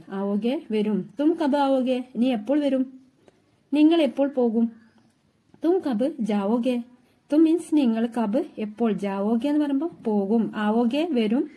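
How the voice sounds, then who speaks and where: Mellow woman patiently teaching phrases. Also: a little high. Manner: repeats each phrase, glossing word by word. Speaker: Hindi teacher. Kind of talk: language lesson, phrase by phrase.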